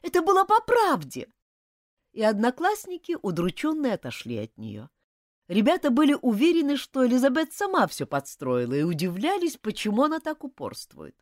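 A woman narrating a children's storybook in an expressive, dramatic way. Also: a little high, brisk, no room sound, studio quality. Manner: animated, dramatic reading. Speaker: audiobook narrator.

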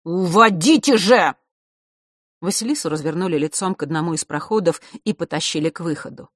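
A woman reading a novel aloud as audiobook narration, measured and expressive. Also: sits low, no room sound, studio quality.

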